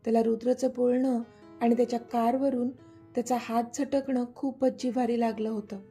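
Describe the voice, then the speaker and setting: A woman narrating a serialized family story in a steady, expressive reading. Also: on the high side, normal speed. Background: soft background music.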